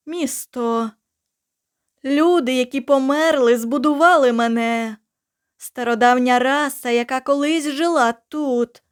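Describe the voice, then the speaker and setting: Slow and solemn, a woman's high-sitting voice portrays a male captain taken over by an ancient, vengeful city in an audiobook.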